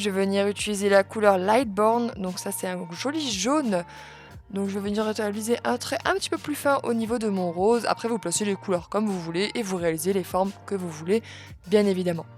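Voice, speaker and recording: Calm woman narrating a tutorial. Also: mid-range voice. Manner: calm, step-by-step explaining with fillers. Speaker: nail art tutorial host.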